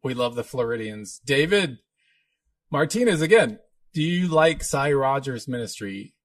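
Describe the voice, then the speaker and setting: A man's voice: medium pitch, animated, a little slow, no room sound. A man hosting a live question-and-answer stream as a minister, chatty and joking, laughing often. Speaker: podcast host, minister. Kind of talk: live Q&A chat.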